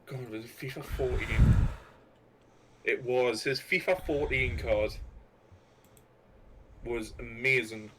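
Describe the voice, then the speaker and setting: A relaxed young man weighs up his views in an easygoing way while co-hosting a casual chat. His voice sits at a middling pitch, with a faint hiss of noise behind him. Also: slow, pauses often. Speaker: podcast co-host. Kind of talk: casual chat about football cards.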